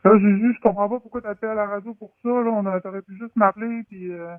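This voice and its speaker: Caller: man with an electronically disguised, pitched-up voice, defensive and stammering, over a tinny phone line. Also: steady tone, fast, dry recording. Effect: electronically disguised voice, pitch-shifted. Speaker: radio caller. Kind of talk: phone-in radio call.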